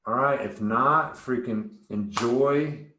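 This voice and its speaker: A man's voice: mid-range voice, slow pace, bright, forceful tone, roomy sound. A man coaching a group on nutrition in a casual, upbeat way, rambling a little and often restarting words.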